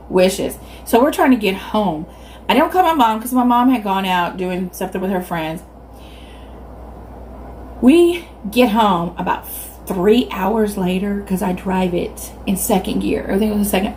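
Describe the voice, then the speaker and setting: A middle-aged woman with a Southern US accent tells stories casually while chewing her food. She is animated and acts out reactions, speaking at a medium pitch. There is clear noise in the background. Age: 50s. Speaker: mukbang video host. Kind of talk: casual storytelling to viewers.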